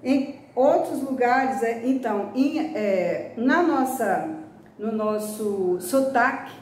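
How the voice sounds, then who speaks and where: A Brazilian Portuguese-speaking woman teaching a primary school class, drawing out syllables slowly and patiently for children. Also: fairly high pitch, lively intonation, slight background noise. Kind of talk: recorded class lesson. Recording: very echoey room.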